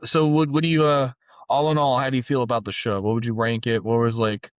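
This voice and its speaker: A young man co-hosting a casual gaming podcast, talking in an excitable, slangy way and cursing casually. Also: mid-range voice, quick pace, clear, resonant tone, no echo, highs cut off. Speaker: podcast co-host.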